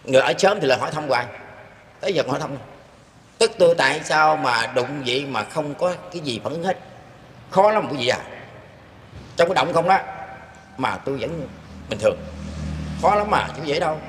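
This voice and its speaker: A man's voice: on the high side, animated, normal speed, pauses often, fairly bright tone. Older man rambling earnestly, echoey room. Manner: earnest and rambling, often turning to address the listeners. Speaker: interviewee telling his own experience. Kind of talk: casual spoken storytelling. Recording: echoey room with long reverb and faint background noise.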